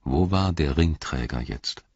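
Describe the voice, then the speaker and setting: A male narrator with a very deep, husky voice reads an epic tale slowly and solemnly. The sound is dry and close. The recording is dull and lo-fi. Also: darkish tone, dry recording. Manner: measured, solemn. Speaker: audiobook narrator. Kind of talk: scripted narration.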